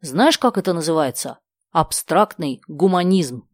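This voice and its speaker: A sharp-tongued, sarcastic schoolgirl, put on by a woman narrator in an audiobook. She snaps back high and loud, and the recording is dry. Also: expressive, a little slow, no room sound. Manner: sarcastic, indignant.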